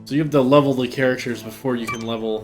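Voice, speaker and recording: A man's voice: medium pitch, fairly even intonation, fast talker. Offhand man commentating over game music. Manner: offhand, rambling. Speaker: gameplay commentator.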